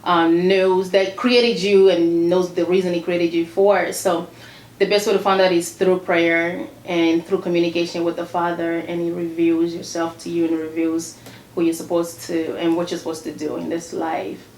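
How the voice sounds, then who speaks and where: An earnest woman from Congo DR, raised in Zambia, speaks as a gospel singer in a casual interview, with a slightly low voice. She repeats herself and laughs often. The room is echoey, with a faint noise underneath. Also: level tone, moderate pace, darkish tone.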